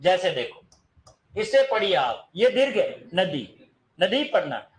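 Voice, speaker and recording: A man teaches a grammar lesson, asking his class questions and answering them himself, and he sings snatches of songs to show long vowels. His voice is high-pitched and sing-song, his pace unhurried, and the recording low quality.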